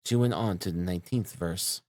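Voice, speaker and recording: A man reading a novel aloud as an audiobook narrator, in a measured, even delivery. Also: low voice, no echo, clean studio sound.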